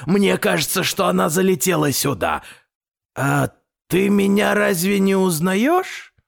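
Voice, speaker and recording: A man voicing a flustered old grandfather who frets but tries to stay calm. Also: high-pitched, measured pace, vocal fry, pitched above the performer's own voice, exaggerated voice. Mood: fretful. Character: flustered old grandfather searching for his hat.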